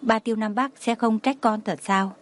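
A woman voicing a tender, remorseful young mother who speaks in soft, apologetic tones. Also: fairly high pitch, normal speed, close to an everyday voice. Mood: earnest.

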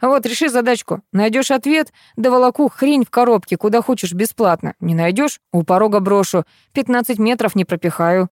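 A woman's voice: a little high, brisk, few pauses, no room sound, clean studio sound, voice pushed up, close to an everyday voice. A woman doing a brash, crafty loader. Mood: cocky. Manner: cocky, haggling, rough slang.

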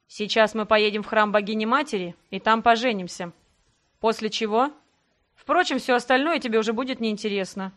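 Audiobook villain: icy male cult leader, commanding, voiced by a woman reader, fairly high voice. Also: a little fast, a bit bright, close to an everyday voice. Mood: cold. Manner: cold, commanding. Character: cold ruthless male head of religious order.

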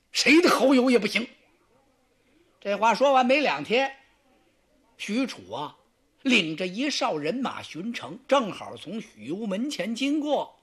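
Dramatic storyteller, wildly animated pitch. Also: husky. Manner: dramatic, lively, sound effects. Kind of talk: traditional storytelling. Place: radio studio.

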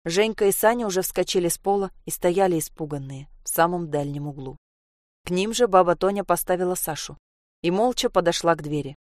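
A woman narrating a story in an even, measured reading. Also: fairly low pitch, no echo, studio quality.

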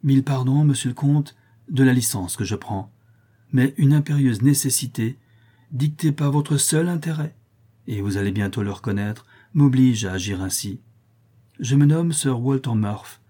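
A man's voice: mid-range voice, normal speed, mellow, slightly rough, pitched above the performer's own voice, natural voice. A man reading the lines of an older male counselor in an audiobook, earnest and emphatic. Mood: formal.

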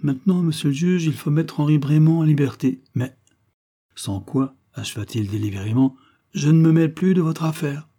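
A man voicing a shrewd middle-aged detective disguised as a gardener, speaking in an assured, deliberate way in an audiobook. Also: medium pitch, warm tone, pitched above the performer's own voice, close to an everyday voice. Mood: firm. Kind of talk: audiobook character voice.

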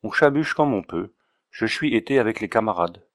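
A man voicing a coarse, drunken male water carrier from Auvergne who lisps his s-sounds as 'ch' and pleads slowly in an audiobook reading. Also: fairly low pitch, animated, fairly bright tone, no room sound, clean studio sound. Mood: sulky. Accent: Auvergnat slur, 'ch' for 's'. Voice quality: slurred lisping 's' as 'ch'. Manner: slow, whiny and pleading.

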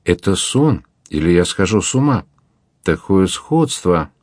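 Deep-voiced man voicing a fierce young captain, impassioned, declamatory, dry close sound. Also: sing-song, measured pace, a little mellow, no echo, full character voice. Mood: stunned. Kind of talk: audiobook character reading.

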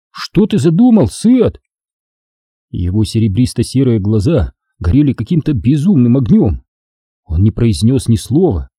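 A man reading a spooky story aloud as an audiobook narrator, steady and suspenseful. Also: mid-range voice, husky, no room sound, clean studio sound.

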